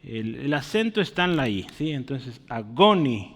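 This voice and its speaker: A preacher leading a Bible study delivers a teaching sermon, walking through each point step by step, frequently making sure his listeners keep up and calling them brother. His medium-pitched voice is very animated and moves at normal speed, with the spacious sound of a big room.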